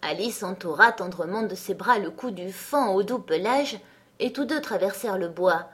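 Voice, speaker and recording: A woman reading a storybook aloud as narrator, calm, measured and expressive. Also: medium pitch, slightly rough. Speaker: audiobook narrator.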